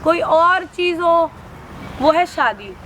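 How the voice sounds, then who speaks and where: A woman's voice: very high voice, expressive, takes it slowly, fairly bright tone, a little hiss or hum, exaggerated voice. A woman playing a scheming pregnant woman who blackmails her employee into marrying her, bossy and taunting. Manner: bossy, taunting, switches to coaxing. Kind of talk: scripted short drama.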